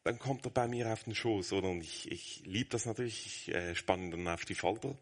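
A man in his thirties preaching a sermon, earnest, moving between brisk explanation and a soft, hushed near-whisper. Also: lowish voice.

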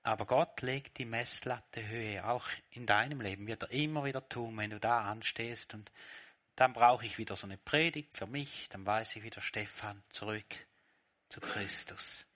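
A man preaching a sermon, swinging from quiet reflection to loud, dramatic retellings. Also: on the low side, moderate pace.

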